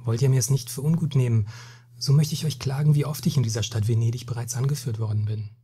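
Man reading young merchant, naive, cautious, polite, haggling, husky breathy voice, storybook. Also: medium pitch, steady tone, quick pace, warm tone. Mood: careful.

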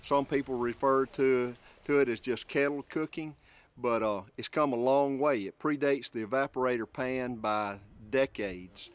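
A man's voice: mid-range voice, moderate pace, clean tone. A middle-aged man with a Mississippi accent, a syrup maker interviewed outdoors on a rural homestead, talking plainly and easygoing with a few "uh"s. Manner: plain, easygoing, with some "uh" fillers.

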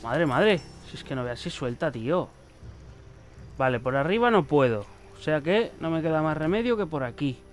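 A man with a Spain Spanish accent giving excitable gameplay commentary, swearing and shouting warnings at the screen. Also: fairly high pitch, moderate pace, soft background music. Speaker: gaming youtuber.

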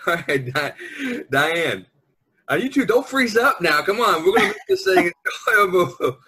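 An American man hosts a casual podcast chat over a video call, talkative and jokey as he prods the others along; he's a podcast host and visual artist. His voice is high-pitched with huge pitch swings, a little slow, bright and forceful, with slight roughness. The audio comes through an online video conference call.

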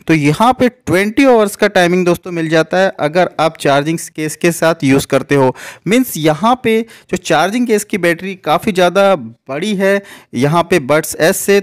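A man's voice: high-pitched, clean tone. A man giving a casual voice-over comparison of two gadgets, explaining each point plainly and calling viewers his friends. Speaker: tech reviewer.

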